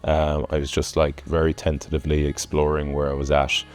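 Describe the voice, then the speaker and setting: An Irish man, a former rugby player, speaking earnestly and reflectively in a documentary interview, with many pauses and ums. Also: very deep voice, completely flat delivery, a little mellow.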